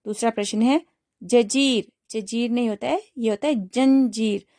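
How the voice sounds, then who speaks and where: A woman's voice: on the high side, normal speed, a little mellow, dry recording, clean studio sound. A woman teaching a primary school phonics lesson, sounding out each word syllable by syllable for young students. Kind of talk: slow spelled-out phonics lesson.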